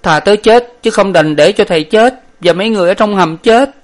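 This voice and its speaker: Man doing a shrill blubbering young servant. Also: fairly quick, lightly acted. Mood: sobbing. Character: young male servant, timid and wailing.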